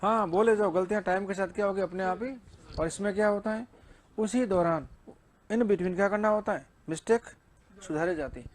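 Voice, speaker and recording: A man's voice: high voice, moderate pace. A male teacher giving an exam-prep lecture, asking and answering his own questions and reading English lines in a Hindi accent.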